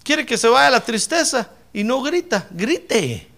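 A man preaching a fiery sermon in church, dropping to low asides and then rising to shouted praise. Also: very animated, slow, creaky. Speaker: pastor.

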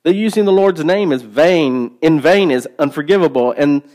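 A man's voice: a little high, lively intonation, moderate pace, darkish tone. A man hosting a teaching sermon podcast, speaking emphatically and putting rhetorical questions to the listener. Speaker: podcast host and Bible teacher.

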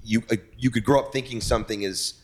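A man from Missouri, a comedian guest, telling animated, profane stories in casual chat. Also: medium pitch, fast talker. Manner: animated, profane, mimics people and sings along.

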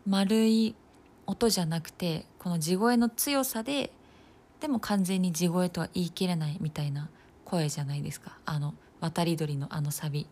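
A young woman in her twenties chatting casually on her own, thinking aloud as she goes, with plenty of fillers and the odd soft laugh. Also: on the low side. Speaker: nursing student podcaster. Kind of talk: casual solo talk.

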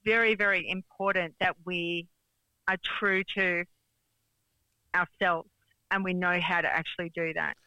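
Woman radio guest, very bright and crisp tone, earnest and reflective, dry sound. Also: on the low side, little pitch movement, measured pace, long pauses, no echo, poor audio. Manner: earnest, reflective, with small laughs. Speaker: guest, coach. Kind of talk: radio interview.

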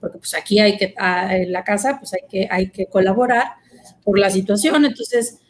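Speaking at a medium pitch and moderate pace, a female guest tells the story of her vocation in an earnest, conversational testimony full of fillers.

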